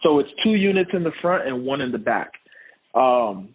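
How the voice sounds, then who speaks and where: A man's voice: medium pitch, sing-song, normal speed, a little hiss or hum. A man from Honduras, a podcast guest, chatting casually and laughing often as he tells his story. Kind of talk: casual interview chat. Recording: tinny phone-like line.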